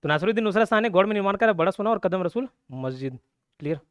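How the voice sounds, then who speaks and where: A young man teaches an exam-prep class in with a tinge. His voice sits a little high for a man and is recorded close and dry. He chats casually, builds silly memory tricks and keeps asking whether it is clear. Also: lively intonation, racing, no echo. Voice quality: chatty, repeats check-ins like "okay" and "clear". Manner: playful mnemonics, laughs at own jokes.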